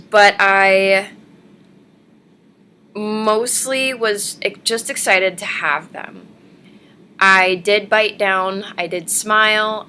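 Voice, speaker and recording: A woman's voice: medium pitch, pushed and bright. A woman in her thirties talking casually and chattily to camera as a vlogger, recorded in a living room at home. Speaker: vlogger hosting a personal denture diary. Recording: noisy webcam room recording.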